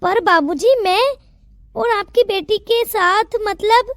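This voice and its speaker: A woman's voice: very high-pitched, takes it slowly, no echo, clean studio sound, exaggerated voice. A woman voicing a loyal, eager young male servant in a cartoon, speaking respectfully and eager to please.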